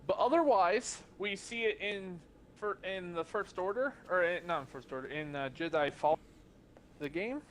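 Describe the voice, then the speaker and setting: A man co-hosting a podcast in a casual chat, excitable and restarting his sentences as he goes. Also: high-pitched, slight background noise. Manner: quick, excitable, stumbling restarts. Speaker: podcast co-host.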